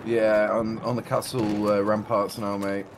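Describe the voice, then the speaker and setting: British male streamer, casual, chatty, swears, loud game gunfire behind. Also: lowish voice, level tone, unhurried, background noise. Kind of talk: casual gaming chat. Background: game gunfire and clicks.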